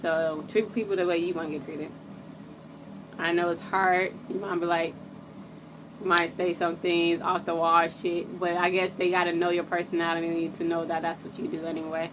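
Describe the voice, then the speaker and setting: A woman's voice: lowish voice, level tone, moderate pace, noisy background. A woman vlogging about astrology in loose, slangy casual chat, often breaking off and restarting. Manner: loose and rambling, breaks off and restarts, laughs at herself. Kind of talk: casual rambling chat to camera.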